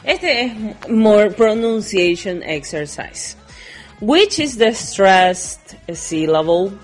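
Slow, patient woman teaching English. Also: medium pitch, lively intonation, soft background music. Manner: slow, patient explaining, switching between Spanish and English. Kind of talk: recorded classroom lesson explaining worksheet exercises.

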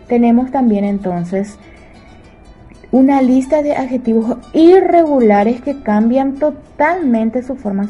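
Slow, mellow woman teaching English. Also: on the high side, breathy edge, rough recording. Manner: checks in with frequent "¿sí?"; slow English examples, quicker Spanish explanations. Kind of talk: bilingual grammar lesson.

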